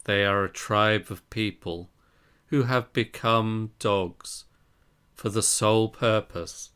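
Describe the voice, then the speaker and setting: A man with a smooth, resonant, fairly low voice reads a Buddhist scripture aloud. He takes it very slowly, in short deliberate phrases, as a scripted reading. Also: a bit bright. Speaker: reader of a Zen Buddhist text.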